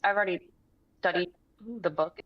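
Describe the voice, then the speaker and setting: A woman playing a tabletop game, chatting casually and haltingly over a dull online call that cuts out. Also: on the low side, steady tone, no room sound.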